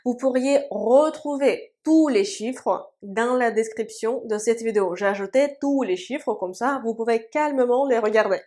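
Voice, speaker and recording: A woman's voice: fairly high pitch, a little mellow. A woman teaching a language video lesson, patiently repeating each word and drilling pronunciation at a board. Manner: patient, drills words slowly and repeats them. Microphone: writing on a board.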